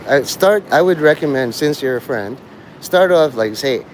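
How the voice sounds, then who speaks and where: Speaking at normal speed with lively intonation and medium pitch, a man live-streams a casual, meandering talk to his viewers, blunt and full of profanity. The low-quality recording clearly picks up outdoor traffic and vehicles.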